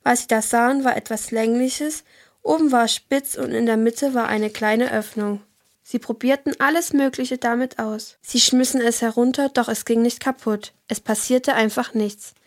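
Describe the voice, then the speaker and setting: A woman narrating a children's story in a calm, clear storytelling manner. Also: on the high side, normal speed.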